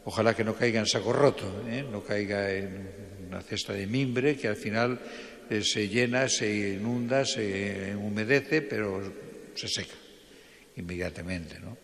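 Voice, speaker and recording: A man's voice: fairly low pitch, measured pace. A man with a Spanish accent from Spain preaches an informal homily as a priest, conversational, repeating phrases and adding questioning tags, with cathedral echo. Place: church, indoors. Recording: reverberant church, long echo.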